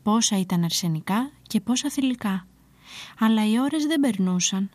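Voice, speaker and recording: A woman's voice: mid-range voice, no room sound. Woman narrating a fairy tale. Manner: calm, expressive storybook telling. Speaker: storyteller.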